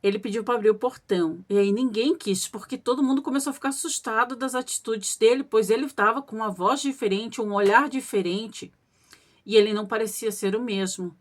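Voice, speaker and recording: Woman, storyteller, somewhat high voice, conversational, talks to listeners. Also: brisk. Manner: conversational, addresses listeners directly. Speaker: storyteller reading listener accounts. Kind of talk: first-person supernatural story narration.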